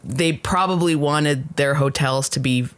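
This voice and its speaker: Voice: mid-range voice, unhurried, a bit bright, clean tone, no room sound. A podcast co-host chatting casually, hesitant with many fillers. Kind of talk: casual chat.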